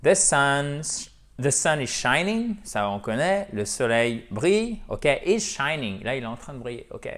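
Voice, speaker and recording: A man giving an online English lesson, explaining slowly and checking in with "ok?". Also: mid-range voice, very animated, fairly bright tone. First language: French. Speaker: English teacher.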